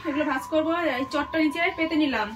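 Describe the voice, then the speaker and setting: A woman vlogger talks in a chatty, everyday way while she walks through her small tin-roofed house. Her voice sits a little high, and she speaks straight to her viewers. Each step of tidying gets a plain, easygoing comment. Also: quick pace, over music. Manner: chatty, shows the viewer around her home; drops to a hushed voice while the children sleep. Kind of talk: casual home vlog narration.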